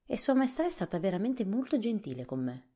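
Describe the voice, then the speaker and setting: A woman reading a storybook softly, voicing an anxious, childlike pumpkin-headed man. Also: mid-range voice, sing-song, fairly quick, husky, pitched above the performer's own voice. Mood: fretful. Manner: fretful, plaintive.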